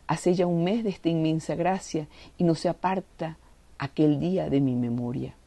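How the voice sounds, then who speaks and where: A woman offers a devotional reading and reflection, fervent and reverent, leaning on prayerful words. Her voice sits low with a dark tone at a moderate pace, and the recording is dry.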